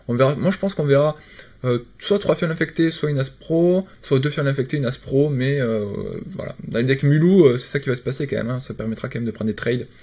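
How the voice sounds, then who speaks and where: Husky, hesitant male game commentator. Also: mid-range voice, fast, dark tone. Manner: hesitant, many fillers and restarts. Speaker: card game video commentator. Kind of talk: casual patch-notes commentary.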